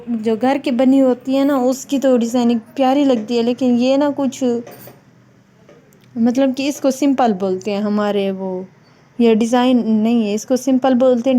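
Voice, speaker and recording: A young mother talks through a casual home vlog in a rather high, mellow voice. She rambles easily from one thing to the next and slips into a sing-song coo when she speaks to her baby. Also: steady tone. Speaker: family vlogger, mother of a small child.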